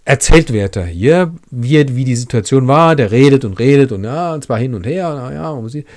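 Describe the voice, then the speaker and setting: A man's voice: mid-range voice, animated, normal speed, a little mellow. Enthusiastic male literature lecturer. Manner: enthusiastic, conversational asides. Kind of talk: reading aloud with commentary.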